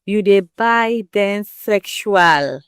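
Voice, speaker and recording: A woman's voice: medium pitch, lively intonation, very slow, clear, resonant tone, dry recording, clean studio sound. A woman with a West African Pidgin English accent explains things frankly and emphatically in an interview, using everyday comparisons. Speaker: interview guest explaining women's health.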